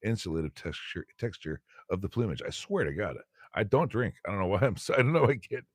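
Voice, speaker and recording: A man's voice: lowish voice, sing-song, fast, breathy edge, no echo. A man hosting a solo stream, reading a bird textbook aloud with casual, rambling commentary, laughing often and stumbling over words.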